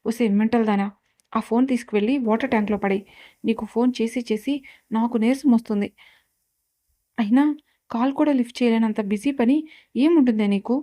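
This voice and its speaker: A woman voicing a loud, gossiping college girl, Sandhya. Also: fairly high pitch, brisk, long pauses, natural voice. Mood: scolding. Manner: rattles on nonstop, teasing. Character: chatty loud young woman college student.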